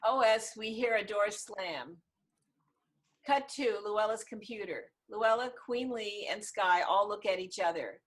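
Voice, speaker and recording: Over a video call, a woman reads the stage directions during a scripted screenplay table read. Her voice sits at medium pitch and her pace is measured.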